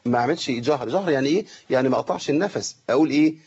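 A man with an Egyptian accent teaching Quran recitation, correcting students and slowly drawing out the recited words. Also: mid-range voice, a little mellow, husky, muffled recording. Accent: Egyptian Arabic. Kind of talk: tajweed lesson with recited examples.

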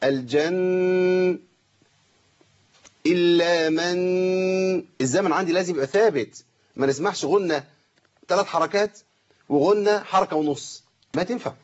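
A man with an Egyptian accent teaching Quran recitation, correcting students and slowly drawing out the recited words. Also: high-pitched, dull audio. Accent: Egyptian Arabic. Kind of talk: tajweed lesson with recited examples.

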